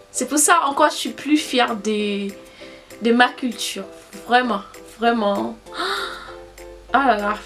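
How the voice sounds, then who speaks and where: A woman's voice: fairly high pitch, a bit bright. A young woman from Haiti talking casually to camera as a vlogger, proud and emphatic, with many fillers and restarts.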